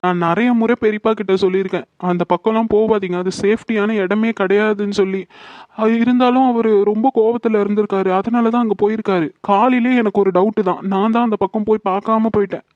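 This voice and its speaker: A woman voicing a worried young woman in a horror cartoon, soft and tearful. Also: mid-range voice, steady tone, fast talker, no echo, lightly acted. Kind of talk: Tamil horror cartoon dub. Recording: dull dry lo-fi recording.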